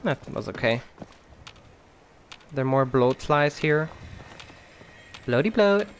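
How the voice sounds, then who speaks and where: A man's voice: medium pitch, steady tone, slow pace, a little hiss or hum. Casual swearing man gaming. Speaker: let's play gamer. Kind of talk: casual gameplay commentary. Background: game music.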